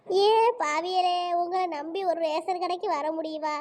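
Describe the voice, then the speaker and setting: A woman's voice: extremely high pitch, normal speed. A woman voicing a whiny, self-pitying middle-aged village woman, melodramatic in a cartoon comedy. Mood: pleading.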